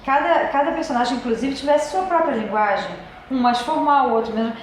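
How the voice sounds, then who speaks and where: Fairly high woman in an echoey room. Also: fairly quick. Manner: chatty, agreeing and adding examples. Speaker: voice actress. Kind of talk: interview. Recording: very echoey room with faint noise.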